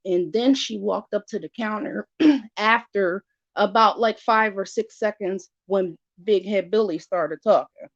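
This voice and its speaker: A woman's voice: medium pitch, dull audio. A woman telling a story casually and animatedly, acting out both sides of conversations. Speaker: furniture store office manager in customer service.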